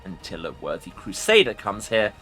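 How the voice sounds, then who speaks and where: A man performs an ancient undead lich from a fantasy game, pompous and scornful. The delivery is forceful and swings widely in pitch as he issues haughty, formal pronouncements, with music underneath. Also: wildly swooping pitch, moderate pace. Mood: irritated, haughty. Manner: pompous, imperious formal speech. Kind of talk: dramatic video game role-play reading.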